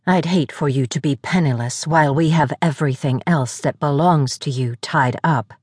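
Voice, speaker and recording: A woman narrator voicing a calm, commanding female security director who speaks in a measured way. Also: sits low, breathy edge, no room sound, studio quality, pitched below the performer's own voice.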